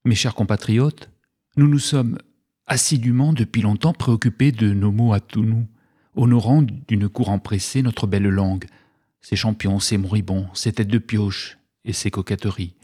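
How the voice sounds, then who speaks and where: A man with a somewhat low voice delivers a comic radio chronicle. He talks in a pompous, mock-solemn tone, like a leader addressing the nation. His manner is playful and mock-learned. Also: fairly even intonation, moderate pace, warm tone, slightly rough. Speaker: radio humor columnist.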